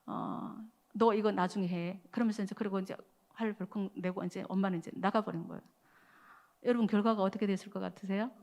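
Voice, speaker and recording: A woman's voice: mid-range voice, a little mellow. A woman preaching to a church prayer meeting, telling a story in a conversational way with many small fillers and speaking straight to the congregation. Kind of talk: sermon with storytelling.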